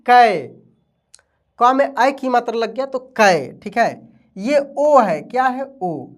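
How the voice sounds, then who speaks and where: A man's voice: extremely high pitch, lively intonation, slow. A man teaching vowel signs, who keeps asking and answering his own questions. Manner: asks and answers his own questions, calls listeners "my friend". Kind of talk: explaining Hindi letters at a board.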